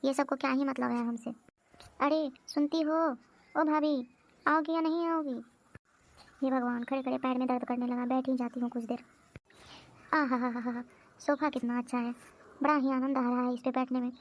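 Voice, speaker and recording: A woman's voice: high-pitched, little pitch movement, fairly quick. A woman voicing a bossy, hot-tempered married sister on a visit in a comedy cartoon, who scolds and complains constantly. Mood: grumbling, scolding. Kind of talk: cartoon voice acting.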